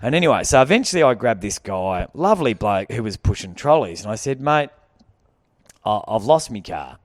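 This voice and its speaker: A man's voice: fairly low pitch, sing-song, fairly quick, dry recording, studio quality. A man with an Australian accent, a podcast co-host telling a long rambling story full of swearing and self-mockery. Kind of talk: casual storytelling banter. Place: podcast studio.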